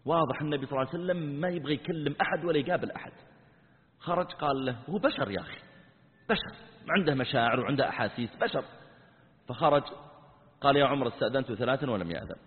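A man preaching a sermon as a dramatic story, dropping to hushed low tones to act out the quotes. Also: racing, pauses often. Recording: tinny, band-limited recording in a reverberant hall.

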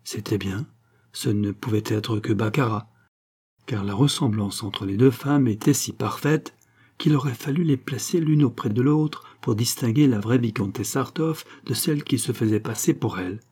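A man narrating a classic novel as an audiobook in a measured, steady reading. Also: medium pitch, husky.

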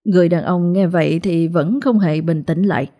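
A woman narrating a ghost story in a steady, dramatic way. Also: fairly low pitch, normal speed.

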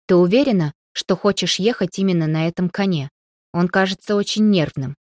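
A woman's voice: on the low side, brisk, a little mellow, no room sound, clean studio sound, natural voice. A woman reading an audiobook, voicing a fussy, blustering young man who talks pushily and insistently. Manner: pushy and insistent.

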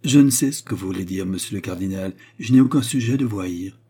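A haughty queen speaks with imperious impatience, as a man puts her on for an audiobook. The voice is husky and mellow, lifted above the reader's own low register. She presses and demands. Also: quick pace. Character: proud haughty queen, adult woman. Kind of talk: audiobook reading.

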